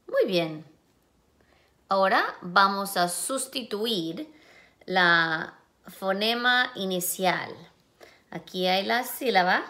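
A woman teacher leading a phonemic awareness lesson for young children, sounding out syllables slowly and clearly one phoneme at a time. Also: on the low side, pushed and bright. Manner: slow, clear, drawn-out sound-by-sound pronunciation.

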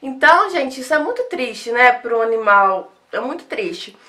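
A young woman talking straight to her viewers in a casual phone vlog, soft and sad. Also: a little high, sing-song, moderate pace. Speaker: vlogger.

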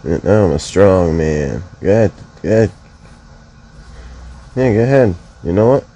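A man's voice: low voice, lively intonation, measured pace, mellow, poor audio. A man commentating his mobile game casually, groggy from just waking up, swearing and muttering to himself. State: just woke up, yawning.

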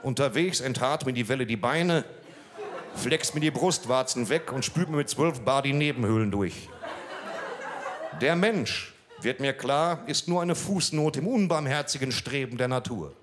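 A middle-aged man tells his story in a dry, deadpan way, reading from a page into a handheld mic. He now and then breaks off to banter with the audience. The sound is a small club stage with faint noise behind. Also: medium pitch, moderate pace. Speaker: comedian. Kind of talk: stand-up storytelling read from a page.

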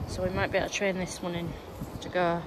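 A woman's voice: fairly low pitch, little pitch movement, fast talker. Chatty woman on a noisy allotment. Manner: chatty, explaining as she works. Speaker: gardening vlogger. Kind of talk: casual walk-through chat. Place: outdoor allotment, windy. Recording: noisy outdoor recording. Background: wind and a strimmer.

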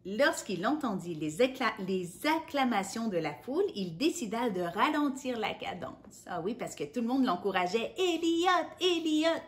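A woman's voice: mid-range voice, normal speed, hardly any pauses. Playful woman reading to kids. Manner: playful, animated, adds sound effects and asides. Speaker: children's storyteller. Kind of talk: reading a picture book to children.

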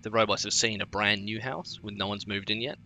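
A man's voice: on the low side, steady tone, fairly quick, sharp tone, slight background noise. A man co-hosting a casual let's play, talking in a rambling, chatty way. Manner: rambling, many fillers and restarts, chatty. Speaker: co-host. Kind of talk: casual gaming commentary.

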